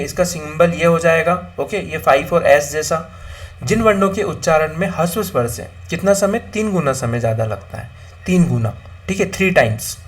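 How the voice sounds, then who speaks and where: A young man teaching an exam-prep Hindi grammar lesson, asking and answering his own questions and mixing English words into Hindi. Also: a little high.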